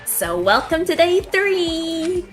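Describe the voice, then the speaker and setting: A woman's voice: extremely high pitch, very animated, takes it slowly, a bit bright, faint music behind, pitched above the performer's own voice, exaggerated voice. A woman voicing a gleeful, mocking Killing Game announcer with theatrical announcer hype and taunting mock cheer. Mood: hyped. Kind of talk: fan visual novel read-aloud.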